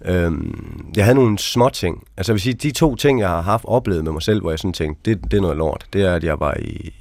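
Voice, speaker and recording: A man with a very deep, low voice tells his experiences as an interview guest. He talks frankly and casually, often ending sentences with questioning asides. The sound is dry and close. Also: lively intonation, gravelly, darkish tone, dry recording. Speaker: interview guest, army veteran. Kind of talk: casual storytelling.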